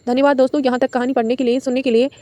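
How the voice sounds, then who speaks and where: A woman reading a romantic audio novel aloud as the channel's storyteller, in a brisk, steady voice. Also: high-pitched, no echo.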